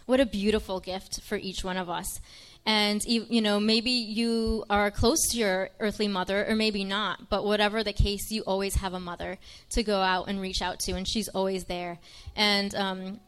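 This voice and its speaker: A woman's voice: medium pitch, a bit bright, clean tone. A young woman from Michigan giving an earnest, chatty personal faith testimony to an audience, with frequent ums.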